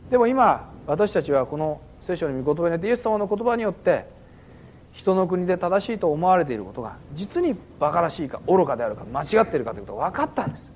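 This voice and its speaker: A man's voice: fairly high pitch, very animated, fast, a little mellow, slight background noise. A man giving a sermon as a pastor, conversational and dotted with fillers, in a church hall. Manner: conversational preaching with frequent "ano" fillers.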